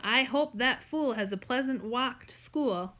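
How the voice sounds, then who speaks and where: A sneering bus driver mocks the kids in a storybook reading, as a woman puts him on. The voice sits a bit high and stays close to the reader's own. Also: unhurried, bright, forceful tone. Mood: mocking. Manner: scornful, taunting. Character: gruff mocking grown man bus driver.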